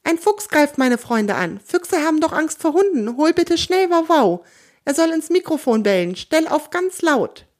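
A woman putting on a tiny, brave little male adventurer creature from a children's audiobook. He sounds high-pitched and eager. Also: lively intonation, fairly quick, few pauses. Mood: urgent.

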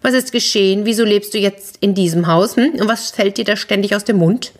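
A woman doing a shrill, jealous older sister. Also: lively intonation, moderate pace, husky. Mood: demanding.

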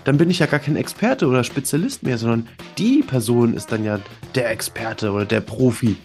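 Male podcast host, mid-pitched, stuffed up with a cold; informal, emphatic coaching delivery straight to the listener. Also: expressive, brisk, darkish tone, faint music behind. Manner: emphatic, conversational coaching with rhetorical questions. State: congested with a cold. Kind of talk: informal solo podcast talk, addressing listeners directly.

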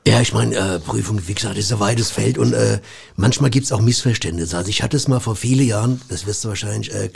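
A man's voice: on the low side, fast talker, vocal fry. A man doing comedy banter, telling meandering, muddled stories.

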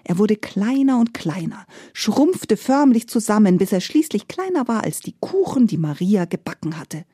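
Slow soft-voiced woman storyteller. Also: mid-range voice, slightly rough, no echo, studio quality. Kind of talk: fairy tale reading.

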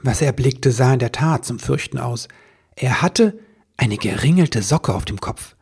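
Gravelly, husky male storyteller. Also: mid-range voice, a little slow. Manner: calm, expressive reading. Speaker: storyteller and podcast host. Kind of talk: children's story narration.

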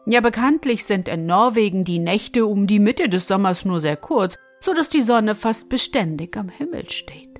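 A woman reading a fairy tale aloud, expressive and addressing the listener with little asides. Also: medium pitch, moderate pace, few pauses, faint music behind. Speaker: storyteller.

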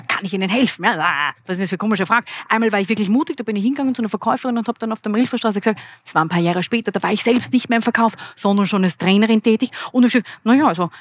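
An Austrian woman in her forties giving an energetic, interactive keynote talk as a business trainer, speaking straight to a live audience. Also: on the high side, no room sound. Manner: lively, energetic, addresses the audience directly. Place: event hall with live audience.

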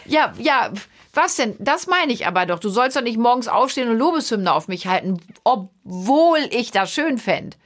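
A middle-aged woman in relaxed podcast conversation, probing and teasing as she pushes for real answers. Her voice sits on the higher side. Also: moderate pace. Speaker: podcast host and mother. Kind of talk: casual podcast chat.

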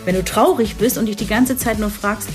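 A woman's voice: mid-range voice, a little fast, faint music behind. Chatty woman podcast co-host. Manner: chatty, laughs easily, self-mocking. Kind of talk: casual podcast chat.

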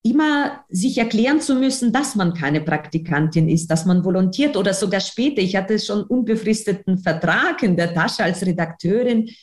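Expressive and barely pausing, a woman with a mid-range voice speaks at a moderate pace. Interviewed as a newspaper editor and trainer of trainees, she shares a personal account in German, a second language for her as someone from outside Germany, with a foreign accent and emphatic repetition.

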